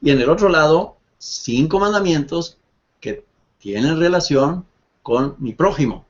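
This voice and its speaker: Man, Torah teacher, online class, unhurried delivery, repeats key words, muffled lo-fi audio. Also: a little high, expressive. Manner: explains slowly, reads Hebrew verses then translates, repeats words.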